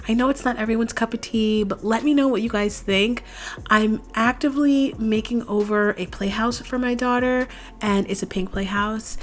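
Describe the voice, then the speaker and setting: A young woman hosts a DIY craft channel, giving a casual step-by-step tutorial voice-over in a chatty, relaxed way. Her voice is on the high side and slightly hoarse as she recovers from a cold. Faint music plays in the background.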